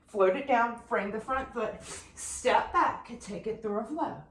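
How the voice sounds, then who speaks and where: Her voice sits on the high side and moves a little slowly, with a roomy sound, as she instructs a yoga flow class. She calls out poses calmly and directively, occasionally winded from moving along with the class.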